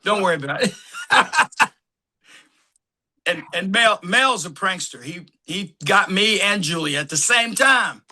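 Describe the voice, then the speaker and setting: A man, an actor guest, telling lively anecdotes and acting out what others said, laughing often. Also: high voice, slow pace, long pauses. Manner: animated anecdotes, acts out quotes, laughs often. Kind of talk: casual storytelling.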